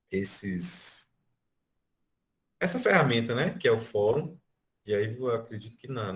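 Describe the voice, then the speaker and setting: A Brazilian man teaching an online music class, explaining by counting beats and stretching out syllables. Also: lowish voice. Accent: Brazilian Portuguese. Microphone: video call.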